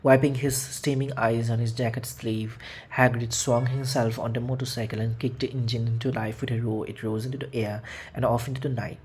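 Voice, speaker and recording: A man's voice: mid-range voice, flat delivery, brisk, darkish tone, a little hiss or hum. A man narrating a children's fantasy audiobook, reading with frequent slips and restarts. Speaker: audiobook reader. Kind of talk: storybook narration.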